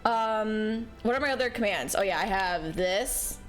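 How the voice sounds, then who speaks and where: A woman's voice: mid-range voice, brisk. A woman livestreaming a game, chatting casually in a cute, bubbly, giggly and apologetic way. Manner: bubbly, cute, excitable streamer greetings and exclamations. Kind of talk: casual livestream chat while gaming. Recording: music behind the voice. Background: music.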